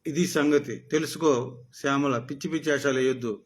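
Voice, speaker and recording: A man's voice: a little high, fairly even intonation, fast. A man delivering a mocking, scolding political rant aimed at a rival. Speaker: political commentator.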